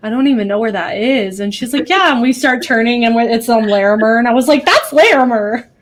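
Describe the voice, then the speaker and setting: A woman's voice: fairly high pitch, fast, background noise. A woman chatting casually with friends, teasing and acting out remembered exchanges. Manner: teasing, acts out quoted exchanges. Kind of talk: casual chat among friends.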